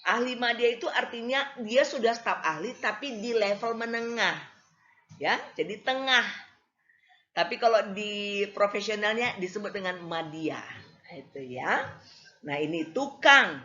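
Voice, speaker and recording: A woman's voice: medium pitch, normal speed, fairly bright tone. A woman lecturer giving a casual classroom lecture, hesitating with many fillers and acting out examples. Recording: slightly dull lo-fi recording.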